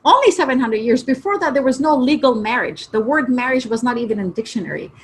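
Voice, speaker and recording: High-voiced animated woman from Kuwait. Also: fast, a little hiss or hum, low-quality recording. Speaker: hypnotherapist guest. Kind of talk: interview answers.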